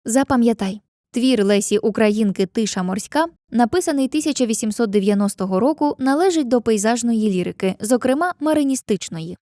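A woman narrating a scripted literature lesson in a clear, measured way, reading lines of poetry slowly. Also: on the high side, expressive, warm tone, no echo, studio quality.

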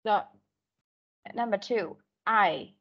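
Slow, patient woman teacher on a video call. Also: medium pitch, breathy edge, dull audio. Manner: patient, drills words slowly one by one. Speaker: English teacher. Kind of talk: online class instruction. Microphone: computer mic on a video call.

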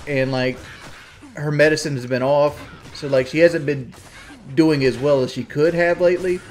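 A man's voice: a little high, steady tone, moderate pace, a little mellow. A man with a Southern US accent chatting on a stream in a rambling, crude, defensive way. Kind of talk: casual stream chat.

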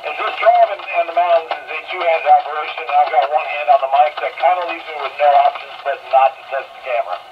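A man's voice: a little high, quick pace, few pauses, faint music behind. A man chatting casually over a walkie-talkie two-way radio while driving. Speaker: host testing radio range while driving. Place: moving vehicle on mountain roads. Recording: muffled, distant, very noisy radio in vehicle.

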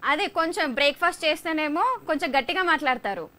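A young woman hosting a live phone-in quiz, talking loudly and teasingly and mixing English into her talk. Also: high-pitched, animated, fast talker. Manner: loud, teasing, mixes English into Telugu. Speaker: phone-in quiz show host. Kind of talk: lively live phone-in chat.

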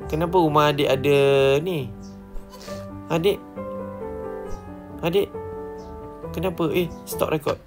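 A young man, commentating a horror game and often bursting into shouted exclamations. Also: a little high. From Malaysia. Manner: excitable, frequent shouted exclamations. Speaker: gaming YouTuber.

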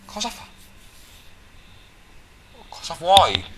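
A man's voice: sits high, sing-song, extremely slow. A young man doing joking, swearing commentary over a video game he plays, with game music behind. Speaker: let's play commentator. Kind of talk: excitable gameplay commentary.

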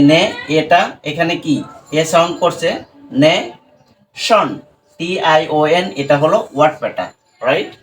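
A Bangladeshi man teaching English pronunciation, his voice sitting a little high for a man. He breaks words into letters and sounds, asking the class questions and then supplying the answers. The mic is set back from him, with a faint hiss in the background. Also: a bit bright, distant mic, low-quality recording. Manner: patient, drills spellings letter by letter, asks and answers his own questions. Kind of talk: spoken lesson to students.

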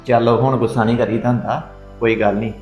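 A patient young husband, played by a man who keeps the peace with quick, placating words in a web drama. He speaks fast in a roomy, echoing room. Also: mid-range voice, soft background music, natural voice. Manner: calm, placating. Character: patient young husband soothing mother and wife.

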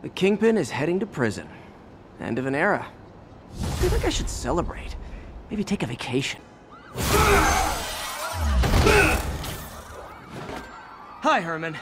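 A man's voice: on the high side, wildly swooping pitch, normal speed, noisy background. A man playing a young, cocky superhero in a video game, teasing and sarcastic as he quips. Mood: playful, breezy. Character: young male wisecracking superhero, cocky and playful. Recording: loud game music behind. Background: loud dramatic music.

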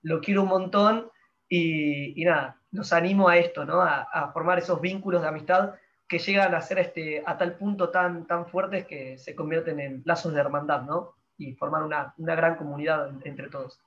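A young man speaking warmly and earnestly about friendship on a video call, trailing off softly. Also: fairly high pitch, fairly even intonation, moderate pace, lo-fi sound, a little hiss or hum. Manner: warm, heartfelt, trailing off at the end. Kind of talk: casual testimony on a video call.

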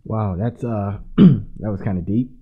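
A man's voice: lowish voice, measured pace, breathy edge. A man hosting a podcast, asking long, hesitant questions full of fillers. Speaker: podcast host. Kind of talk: casual podcast interview. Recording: tinny phone-like line.

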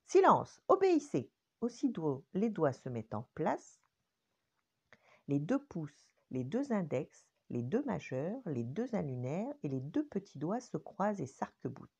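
An older woman, a grandmother, narrating a children's bedtime story in a gentle, expressive way. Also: low voice, unhurried, slightly rough, lo-fi sound.

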